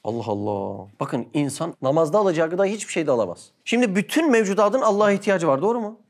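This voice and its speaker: A man giving an animated religious sermon talk, full of rhetorical questions and exclamations. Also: fairly high pitch, fast.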